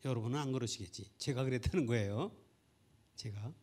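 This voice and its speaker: Preaching at a Sunday service, a middle-aged pastor speaks a little fast with a medium pitch. His earnest personal story climbs repeatedly into loud, fervent high points.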